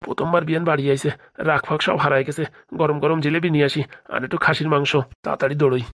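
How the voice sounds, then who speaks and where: A woman doing a fretful rapid-talking father. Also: low-pitched, steady tone, no echo, studio quality, voice pushed down. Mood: cheerful. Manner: pleading, rambling complaints. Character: fretful middle-aged father defending his only daughter. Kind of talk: cartoon voice acting.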